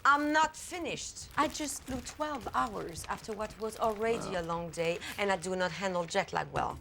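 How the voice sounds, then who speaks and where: Unyielding female investigator played by a woman, film drama: pointed, fry-laden, mid pitch, noisy background. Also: moderate pace, natural voice. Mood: firm, irritated. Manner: cool, firm, pointed. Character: firm, unyielding female Interpol agent. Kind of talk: naturalistic film acting.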